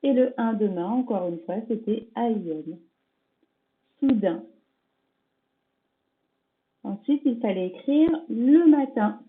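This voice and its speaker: Woman teacher talking real slow to little kids, spelling out sounds, kind and patient, tinny phone-ish audio. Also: on the high side, animated. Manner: slow, deliberate, sounds out letters and syllables; gentle and reassuring toward a child. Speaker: primary school teacher. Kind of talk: remote spelling lesson for young children. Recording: tinny phone-like home recording.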